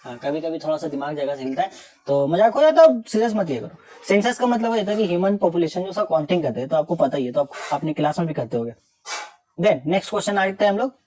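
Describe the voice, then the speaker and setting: A young man teaching an exam revision lesson, reading questions out slowly, then explaining with casual jokes and teasing scolds. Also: on the high side, animated, dark tone.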